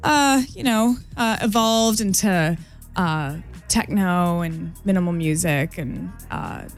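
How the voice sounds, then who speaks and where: A woman's voice: fairly low pitch, takes it slowly, faint music behind. A woman from New York, chatting as a DJ guest on a radio show, giggly and full of fillers and restarts. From New York, USA. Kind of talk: casual radio interview. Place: radio studio.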